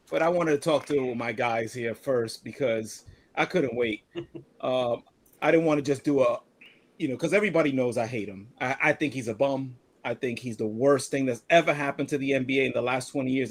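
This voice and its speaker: A middle-aged man hosting a casual sports talk livestream, excitable and laughing, trash-talking and restarting his words. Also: a little high, slight background noise. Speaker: sports talk show host.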